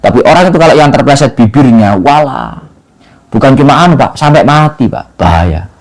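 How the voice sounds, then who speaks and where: A man with an East Javanese accent giving a religious study lesson, animated, reciting Arabic passages and often turning to his listeners with "Pak". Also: mid-range voice, normal speed, poor audio. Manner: keeps addressing listeners with "Pak". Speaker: religious teacher.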